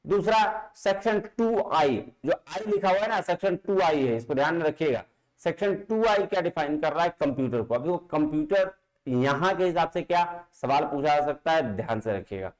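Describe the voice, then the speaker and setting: A man with an Indian accent teaching a law exam lesson, slowly reading English passages and asking and answering his own questions. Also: on the high side, expressive, rough recording. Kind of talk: lecture mixing Hindi and English, reading law text slowly.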